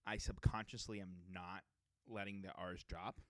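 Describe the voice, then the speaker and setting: A young man with a Boston accent rambles through a casual podcast chat. His voice sits fairly low and the sound is close and dry, with no room around it. He talks with plenty of fillers and restarts. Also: steady tone, normal speed, fairly bright tone, dry recording. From Metro West Boston area. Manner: rambling, laid-back, with many fillers and restarts. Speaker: podcast co-host. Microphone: podcast mic.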